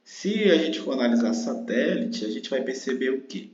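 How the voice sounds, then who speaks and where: A man's voice: mid-range voice, animated, moderate pace, darkish tone. A man with a Brazilian Portuguese accent, a teacher patiently explaining a grammar exercise and drawing out words syllable by syllable. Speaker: online exam-prep teacher. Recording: roomy, dull lo-fi sound.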